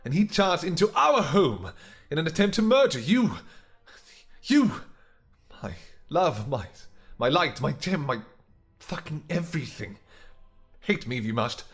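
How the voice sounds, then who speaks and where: A man's voice: on the high side, sing-song, measured pace, faint music behind, voice pushed up. A man voicing a lovesick, possessive and menacing vampire king in a romantic fantasy audio roleplay, intense and dramatic. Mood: furious, desperate. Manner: intense, dramatic, swinging from snarls to whispers.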